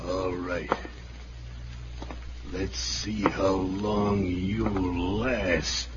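Radio crime heavy, menacing gunman, lowish and slow, noisy vintage recording. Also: level tone, highs cut off. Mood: threatening. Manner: tough, snarling slang. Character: menacing slangy gangster gunman, surly and threatening. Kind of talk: old-time radio crime drama acting.

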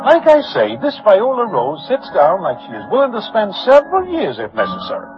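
A man's voice: sits high, wildly swooping pitch, brisk, over loud music. An actor playing a wry Broadway guy, telling tales in formal slangy diction in 1940s radio style. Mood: wry storytelling. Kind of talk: 1940s radio acting, first-person narration. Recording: dull old radio recording.

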